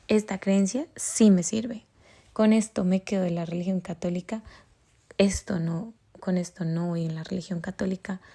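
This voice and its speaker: A young Colombian woman with a Colombian Spanish accent hosts a podcast, telling a personal story in a rambling, casual way packed with fillers. Her voice is lowish, creaky, and warm.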